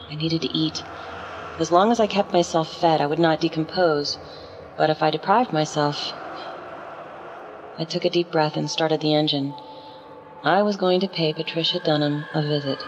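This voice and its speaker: Woman narrating a dark radio-play story. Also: low voice, a little hiss or hum. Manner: steady storytelling with a dark, menacing edge. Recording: slightly muffled, with faint music underneath.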